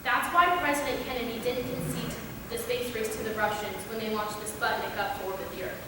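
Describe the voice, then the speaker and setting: A young woman playing an earnest female high school student, giving an emphatic, persuasive stage speech. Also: fairly quick, background noise, lightly acted. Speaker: student actor. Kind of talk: stage play speech to a class. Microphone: distant room mic. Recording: echoey hall from far off.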